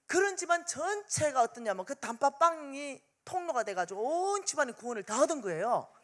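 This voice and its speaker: A woman's voice: high-pitched, a little fast. A woman with a Gyeongsang Korean accent, telling a story in a revival sermon and acting out the dialogue. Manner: animated, acts out dialogue in story. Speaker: revival meeting speaker.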